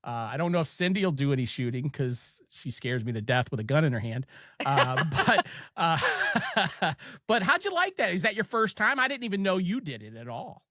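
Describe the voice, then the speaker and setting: A podcast host with an Ohio accent chats casually and tells stories, halting often with lots of fillers and restarts. His voice is a little high and sharp with big pitch swings, recorded at studio quality with no room sound.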